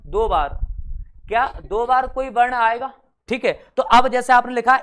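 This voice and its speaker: A man teaching a class, patiently explaining and reading verse examples slowly. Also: very high-pitched, fairly bright tone, clean tone. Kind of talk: classroom lesson.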